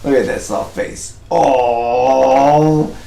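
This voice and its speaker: A man's voice: fairly low pitch, a little slow, darkish tone, echoey room, a little hiss or hum. A man talking casually on a live stream, cooing over a puppy and rambling with fillers, a bit sniffly. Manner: coos and baby-talks to a puppy. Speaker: dog rescuer live-streaming.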